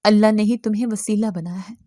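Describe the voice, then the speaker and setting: A woman's voice: mid-range voice, steady tone, dark tone, dry recording, studio quality, close to an everyday voice. A woman voicing a tormented male jinn who pleads and accuses in a plaintive, reproachful way.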